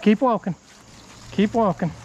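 Middle-aged man, outdoor fishing host, high voice, encouraging coach, faint water behind. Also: unhurried, dark tone, dull audio, slight background noise. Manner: encouraging, gives short repeated instructions. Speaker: fishing bait company host. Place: outdoors by a creek. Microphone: body-worn action camera. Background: running stream water.

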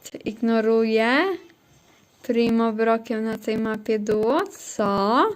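Woman game streamer, high-ish voice, slow, casual chatter with viewers. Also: fairly even intonation. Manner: chatty, talks to chat and teammates. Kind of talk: casual livestream chat while gaming.

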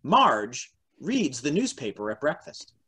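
A mid-range voice with huge pitch swings, a sharp tone and a breathy edge belongs to an American man in his forties, speaking slowly. He hosts and narrates a table read over video from home, covering stage directions and trivia. The call, via a computer at arm's length, is noisy with clicks.

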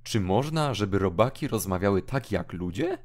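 A man reading an audiobook drama, voicing a small curious child in a raised, excited tone. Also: normal speed, close to an everyday voice. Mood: eager. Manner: high, excited questioning.

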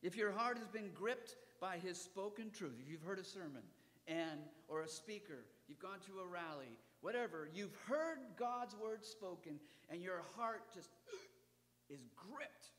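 A man preaching a sermon as pastor, swinging from loud cries to hushed whispers and asking the congregation direct questions. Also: high voice, lively intonation, measured pace, in a large hall. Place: church sanctuary.

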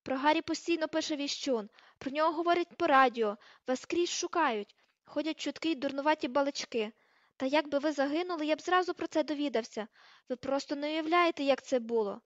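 Brief: sheepish teenage wizard boy, read by a woman, pleading, defensive, higher than a boy, dry close recording. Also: brisk, dry recording, lightly acted. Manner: mumbling, pleading, shouting back. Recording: slightly dull, dry recording.

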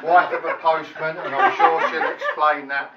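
A middle-aged man gives a prepared wedding speech as father of the bride, halting and self-deprecating. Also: fairly high pitch, huge pitch swings, a loud crowd. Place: large function room at a wedding reception. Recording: echoey room, distant mic, muffled, loud noise.

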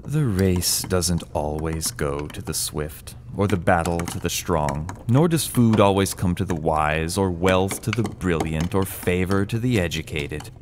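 An actor playing a grizzled, world-weary old male critic, reading in a slow scripted voice. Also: sits low, background noise. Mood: somber.

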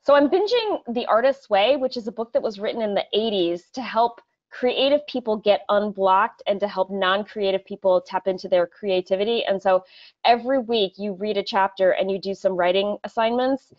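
A woman co-hosting a podcast in casual chat over a video call with earbuds, upbeat and quick with asides. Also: mid-range voice. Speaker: podcast co-host. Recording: dull lo-fi video call audio.

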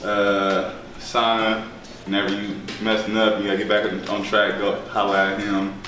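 Low, flat-voiced laid-back male student. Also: moderate pace, slight background noise. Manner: laid-back, casual slang. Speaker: barber student. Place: indoor school room. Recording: echoey room from a distance.

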